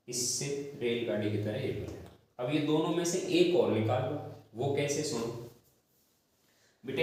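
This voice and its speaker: A man's voice: mid-range voice, darkish tone. A man teaching a math class, explaining step by step with patient repetition and addressing his students fondly. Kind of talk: classroom lesson. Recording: very echoey room, distant mic.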